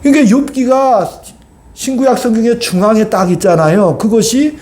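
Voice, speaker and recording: A male pastor delivers an emphatic sermon, often turning to his congregation with rhetorical questions. His voice sits high but stays mellow and soft-edged. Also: normal speed.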